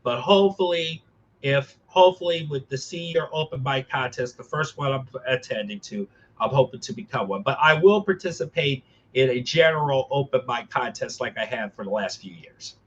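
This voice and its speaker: A man talking earnestly as a podcast host, emphatic and halting, often repeating his phrases. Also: medium pitch, husky, lo-fi sound. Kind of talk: earnest conversational talk.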